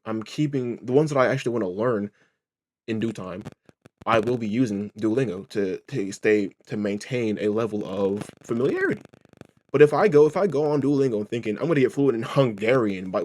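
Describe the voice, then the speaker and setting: A medium-pitched, slightly mellow man's voice belongs to a reaction streamer rambling through casual commentary. He restarts sentences, swears freely, and keeps throwing in "right?" and "you know what I'm saying?"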